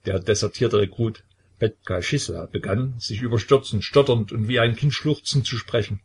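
A man narrating an audiobook in a measured, even reading voice. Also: fairly low pitch, husky.

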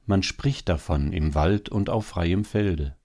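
A consoling male hare, wry and gloomy, speaking with low, deep calm, as a man reads him. His dark, mellow voice soothes while his words carry quiet bitterness, a storybook animal in a sober tale. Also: takes it slowly, exaggerated voice. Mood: somber. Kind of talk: storybook reading.

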